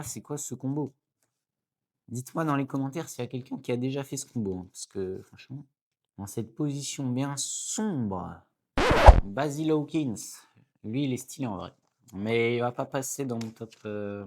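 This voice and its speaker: Excitable man opening trading cards. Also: moderate pace. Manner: excitable, chatty, keeps addressing viewers as "les gars"; bursts into high exclamations and jokey asides. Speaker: card-opening YouTuber. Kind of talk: casual pack-opening commentary.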